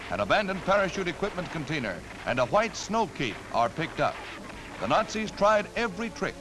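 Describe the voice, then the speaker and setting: A man's voice: high voice, poor audio. A man narrating an old wartime newsreel in a dramatic, urgent announcer style. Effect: old newsreel sound. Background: music.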